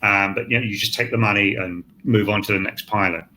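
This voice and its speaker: An older scriptwriter speaks casually on a writers' panel at a live online event, blunt, emphatic and rambling, swearing now and then. His lowish voice is steady, bright and forceful and a little fast, with clear background noise.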